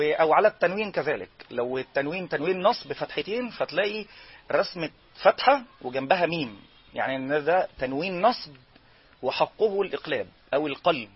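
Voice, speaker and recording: Egyptian man, recitation teacher, husky higher voice, muffled lo-fi sound. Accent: Egyptian Arabic. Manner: explains rules, then chants example verses slowly. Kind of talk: tajweed lesson.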